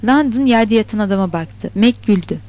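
A woman reading a novel aloud in steady, even storytelling narration. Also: medium pitch, fairly quick, no room sound. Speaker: audiobook reader. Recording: dull lo-fi recording.

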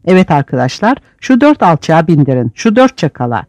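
A man's voice: on the high side, very animated, fairly quick, darkish tone, no room sound. A man voicing a fiery male prisoner leader, haranguing and scolding in an audiobook. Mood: scolding harangue.

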